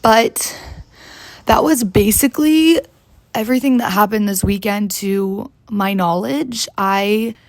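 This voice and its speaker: A young woman hosting her podcast with a hoarse, gravelly rasp to her voice. She rambles in a chatty, casual way, dropping "like" constantly. The sound is close and dry. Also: medium pitch, slow pace, dry recording. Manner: chatty, rambling, heavy use of "like". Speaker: podcast host. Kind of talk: casual solo chat.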